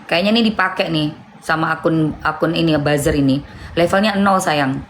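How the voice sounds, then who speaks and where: A middle-aged woman with a lilt, hosting a livestream and reading viewer comments, shifting between heated scolding and soft chat. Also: sits low, moderate pace, a little hiss or hum. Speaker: livestream host.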